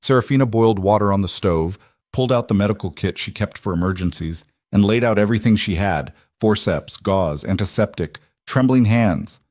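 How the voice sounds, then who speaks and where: Low-voiced male audiobook narrator. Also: a little mellow, no echo. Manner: measured, dramatic storytelling.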